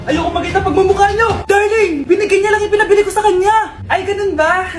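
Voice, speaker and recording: An extremely high, excitable comedy skit voice, exclaiming with melodrama. The sound is echoey, with music clearly behind it. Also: female voice, quick pace. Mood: outraged, then coaxing. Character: excitable high-voiced characters in family squabble skits. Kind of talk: exaggerated comedy skit dubbing.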